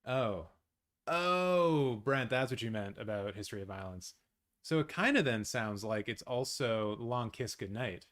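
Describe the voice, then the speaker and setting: A Canadian live-stream host with a lowish voice talks at a normal speed while running an awards watch-along from his apartment. Casual and chatty, he answers viewers' comments and wanders into excitable tangents.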